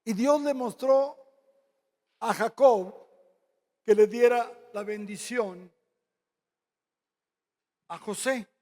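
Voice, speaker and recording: Mexican spanish pastor guy preaching, animated storytelling, high voice, big church echo. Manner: animated preaching, acting out dialogue with quick asides. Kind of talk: sermon with storytelling. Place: church sanctuary. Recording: long hall reverb.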